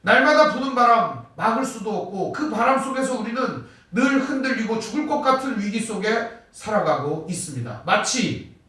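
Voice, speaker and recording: A male pastor preaching a Wednesday sermon, asking rhetorical questions and acting out quoted lines with big swings in pitch and loudness, recorded in a church sanctuary. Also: distant mic. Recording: very echoey church hall, voice from off-mic.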